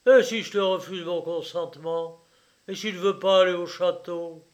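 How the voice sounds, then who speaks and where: A middle-aged land dealer bellows with fear and indignation, as a man reads him aloud. His voice jumps up higher and louder than the narration, blustering and frightened. It is slow and heavy in delivery. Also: expressive, full character voice. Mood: blustering anger. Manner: loud, blustering, indignant shouts.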